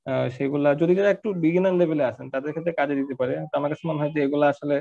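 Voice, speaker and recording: A man's voice: on the high side, fairly even intonation, very fast, creaky, warm tone, highs cut off. A man teaching an online class, talking conversationally with many fillers and English words mixed in. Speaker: course instructor. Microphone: online class audio.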